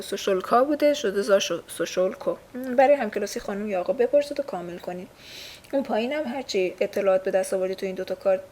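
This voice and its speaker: Speaking at a medium pitch with a slightly mellow tone, a Persian-accented woman teaches a language lesson from a textbook in a casual recording. Her explanations are patient and full of fillers, and a little hiss or hum is audible.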